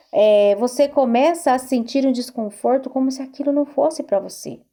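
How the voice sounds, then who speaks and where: A woman's voice: fairly high pitch, mellow. A woman therapist giving an earnest self-help talk to camera, repeating herself and asking rhetorical questions. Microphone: recorded video to camera.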